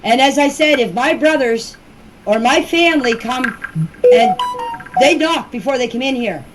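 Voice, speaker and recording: Loud music plays behind a woman whose voice sits high as she gives a defensive, insistent personal account in reply to questions. She speaks emphatically at a measured pace in an informal voice message, and the amateur clip is noisy.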